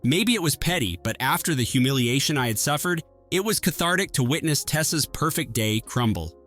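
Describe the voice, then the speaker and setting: A man telling a first-person story in an even, measured scripted narration. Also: mid-range voice, soft background music.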